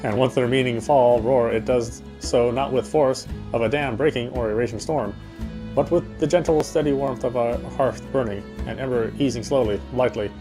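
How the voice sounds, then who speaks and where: A man with a medium-pitched voice plays a game and reads its visual novel narration aloud dramatically, now and then stumbling over a word. Loud game music forms a bed behind his voice.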